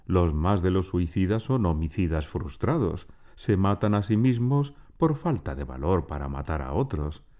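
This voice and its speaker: Guy doing a young fictional hero in an audiobook, defiant then begging, pitched way up, lots of swing. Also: lively intonation, moderate pace, few pauses, warm tone. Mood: reasoning. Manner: pleading, defiant, ironic. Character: young male fictional character defying his author. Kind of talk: audiobook reading.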